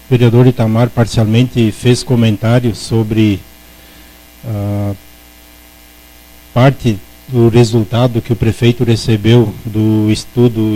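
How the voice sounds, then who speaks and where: A Brazilian-accented man speaks in a municipal council chamber, slow and deliberate. His voice is mellow and dark, and he stalls on repeated words before pushing on in a formal register. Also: medium pitch, low-quality recording. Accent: Brazilian Portuguese. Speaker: city councillor. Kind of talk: formal speech in a council session.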